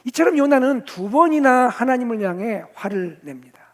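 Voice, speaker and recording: A male senior pastor preaching a sermon, telling the story vividly, rising to loud emphasis and dropping to near-whispers. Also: extremely high pitch, lively intonation, normal speed. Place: church sanctuary. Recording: long reverb of a church hall.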